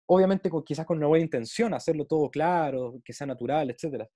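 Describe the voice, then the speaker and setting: A man's voice: a little high, quick pace, dark tone, dry recording, clean studio sound. A man in reflective casual conversation, speaking earnestly and at length, often doubling small linking words as he builds his thought.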